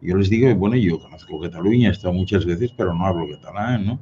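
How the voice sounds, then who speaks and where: A man's voice: deep voice, quick pace, mellow. A man from Spain with a neutral Spanish accent, chatting as a guest and telling anecdotes with laughter. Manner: storytelling, chatty, laughs at his own jokes. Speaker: guest speaker. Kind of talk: casual conversation. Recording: dull lo-fi sound with faint noise.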